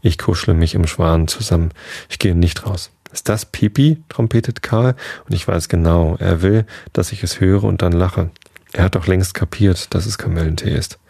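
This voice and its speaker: Deep, gravelly male story reader. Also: little pitch movement, normal speed, warm tone, no room sound, studio quality. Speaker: narrator. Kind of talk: scripted first-person story reading.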